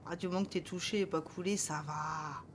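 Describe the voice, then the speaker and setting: A woman's voice: on the low side, steady tone, fairly quick, a little hiss or hum. A woman doing casual, playful gaming commentary and chatting with her viewers. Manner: playful, joking. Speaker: live game streamer.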